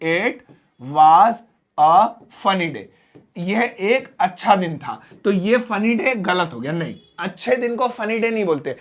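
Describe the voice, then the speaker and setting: A young Indian man teaches a spoken English lesson in a fairly high voice. He breaks English example sentences into slow, separate words so students can follow. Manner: explains slowly, spelling out English example sentences word by word.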